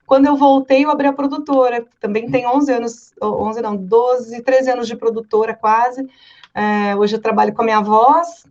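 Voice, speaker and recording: A woman from Brazil, a voice-over artist, chatting casually and telling stories with lively quoted voices. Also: on the high side, normal speed, muffled recording. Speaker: voice-over artist and director, guest. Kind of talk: casual podcast chat.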